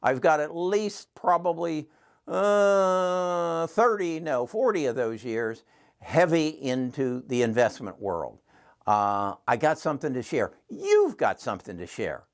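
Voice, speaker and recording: A man's voice: a little high, sing-song, slow pace. A man of seventy-seven hosting his own channel, giving earnest, folksy advice straight to the camera, often repeating words as he finds his thought. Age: 70s. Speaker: channel host. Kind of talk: casual advice monologue to camera.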